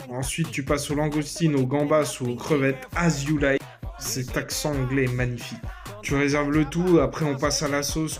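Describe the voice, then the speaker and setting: Joking man cooking, music behind. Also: a little high. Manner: punning, casual, talks straight to the viewer. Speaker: home cook. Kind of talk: jokey recipe voice-over. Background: soft background music.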